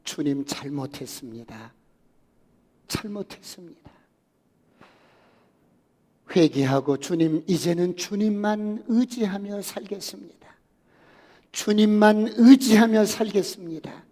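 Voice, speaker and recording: A grieving mother cries out and pleads in a raised, high voice, as a male preacher acts her out. The sound rings in a long church reverb. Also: slow, long pauses, dark tone. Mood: repentant. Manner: pleading, crying out. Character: grieving mother, wailing then repentant.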